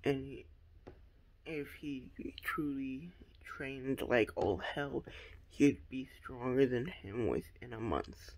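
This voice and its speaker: A young man talks through a fan theory in an unhurried, rambling way. His voice has a gravelly, fried texture at a middling pitch, and he keeps stopping to say um and to start his sentences over. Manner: hesitant, many ums and restarts.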